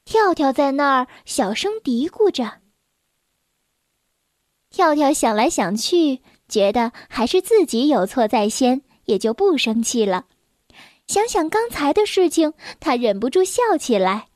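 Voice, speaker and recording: A woman narrating a children's storybook in a gentle, unhurried manner. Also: high voice, very animated, no echo, clean studio sound.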